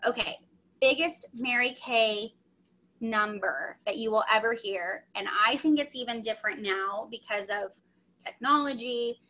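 Bright-voiced young woman coaching over video call. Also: on the high side, a little slow. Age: young adult. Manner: chatty, upbeat, full of asides. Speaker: sales trainer. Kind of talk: online training session.

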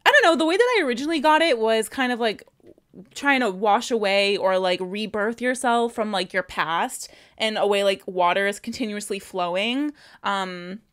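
A woman's voice: medium pitch, animated, moderate pace, a bit bright, clean tone. A young woman in her twenties reacting to a music video at home, gushing and squealing, with lots of fillers, into a studio mic. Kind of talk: excited casual reaction commentary. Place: bedroom at home, indoors. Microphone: studio mic with pop filter in front. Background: song playing in the background.

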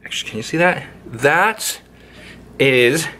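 A man's voice: on the high side, animated, measured pace, sharp tone. A man hosting a casual cooking video, talking playfully as he works in his kitchen with sing-song sound effects. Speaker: home cook, channel host. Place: indoor kitchen, overhead camera on hands.

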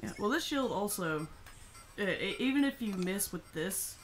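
A woman's voice: medium pitch, lively intonation, moderate pace, faint music behind, low-quality recording. A woman hosting a casual let's-play, chatting and explaining game tips, often laughing and reading game dialogue aloud. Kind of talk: casual gameplay commentary.

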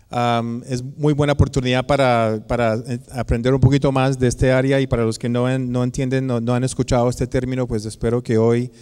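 A man's voice: mid-range voice, mellow, smooth. A man in his forties, raised in the United States, giving a conference lecture at a podium mic with frequent hesitations and fillers. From Colombia, raised in the United States. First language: Spanish kept as heritage language, raised in English. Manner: hesitant, many filler sounds and restarts. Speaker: guest lecturer, business professor. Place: large auditorium with audience. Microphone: podium microphone. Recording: long reverb of a large hall.

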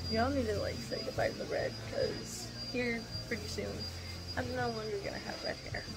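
A woman's voice: mid-range voice, low-quality recording. A woman in her twenties giving a casual day-recap vlog from home. She rambles with lots of "um"s, talking into a phone held at arm's length. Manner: rambling, many ums, chatty daily recap. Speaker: vlogger giving a day update. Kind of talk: casual chat. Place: home, lying on a couch and in a small room indoors.

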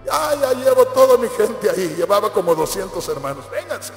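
A pastor preaches in a high, gravelly voice, telling stories and acting out the people in them. He is recorded in a church hall with a long echo. Soft music plays behind him. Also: lively intonation, moderate pace. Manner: storytelling, acts out quoted voices. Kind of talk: sermon.

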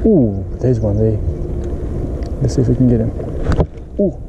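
A young man in his late teens with a South African accent, excitedly filming himself fishing from a boat, whooping and repeating himself when fish bite. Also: medium pitch, measured pace, gravelly, lo-fi sound. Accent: South African English. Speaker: fishing vlogger. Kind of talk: excited outdoor fishing vlog. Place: outdoors on a small boat on a weedy lake. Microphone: head-mounted action camera. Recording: outdoor wind and water noise.

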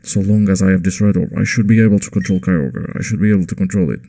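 A man's voice: low-pitched, fast talker. A man reading out a boastful male pirate gang leader's lines, attempting a pirate voice that barely comes through. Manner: flat read-aloud of game text, poor pirate voice.

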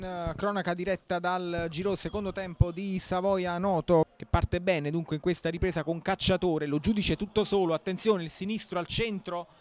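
A man giving live football commentary, breathless and excited, with shouted, drawn-out goal calls. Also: high-pitched.

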